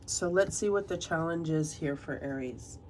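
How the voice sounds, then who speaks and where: A woman reads tarot cards, softly and unhurriedly reading passages aloud from a guidebook. Her low voice sounds slightly nasal from a cold, and the background is noisy.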